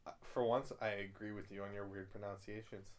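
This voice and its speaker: A man's voice: fairly low pitch, level tone, a little fast, crowd noise. A man co-hosting a podcast, teasing and sarcastic in casual banter. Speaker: podcast co-host. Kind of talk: casual chat.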